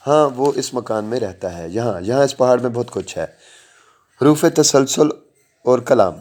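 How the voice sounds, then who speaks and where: A man's voice: medium pitch, warm tone. A man giving a recorded lecture, reading out definitions and listing example words one at a time. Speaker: teacher.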